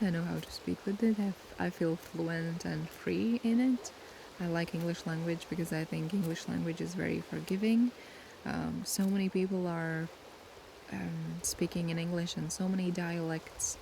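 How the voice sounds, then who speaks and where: Outdoors with the sea washing steadily behind her, a young ASMR creator from Latvia, Latvian being her first language, answers questions in a relaxed chat. Her voice, on the low side, is flat and level with a gravelly fry, and she speaks softly and unhurriedly, pausing to search for words.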